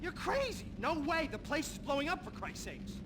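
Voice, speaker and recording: A man's voice: high voice, brisk, close to an everyday voice. An actor playing a frightened, frantic and reluctant captive man in a video game. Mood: panicked, reluctant. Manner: frantic, excitable. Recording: very noisy game scene. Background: loud ambient noise.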